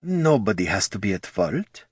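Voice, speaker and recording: A man's voice: fairly low pitch, big pitch swings, moderate pace, slightly rough, no room sound, studio quality. A man voicing a nervous, fumbling spectral woman who apologizes and hedges as she delivers bad news. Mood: apologetic.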